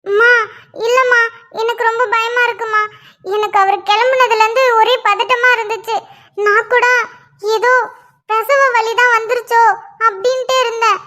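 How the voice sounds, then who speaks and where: A woman's voice: very high voice, fairly even intonation, normal speed, pauses often, pushed and bright. A woman voicing an anxious, pleading pregnant young wife in a cartoon. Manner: fretful, pleading. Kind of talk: cartoon voice acting.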